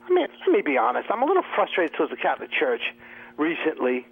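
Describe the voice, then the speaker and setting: A man's voice: fairly high pitch, wildly swooping pitch, fast talker, slightly rough. A man hosting a talk radio show, riffing sarcastically in a comic monologue and laughing at his own jokes. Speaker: radio host. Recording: tinny phone-like radio audio.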